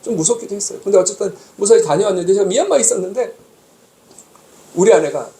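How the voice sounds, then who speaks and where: Man, 50s, pastor preaching, animated, exasperated, fast, roomy church echo. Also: high voice. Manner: animated, exasperated storytelling to the congregation. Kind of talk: sermon. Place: church sanctuary. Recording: echoey church hall.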